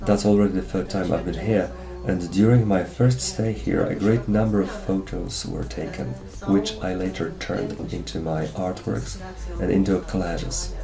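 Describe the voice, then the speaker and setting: A man's voice: low voice, normal speed, creaky, few pauses. A man reading a scripted interview voice-over in formal, stilted phrasing. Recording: roomy echo, music behind. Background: music.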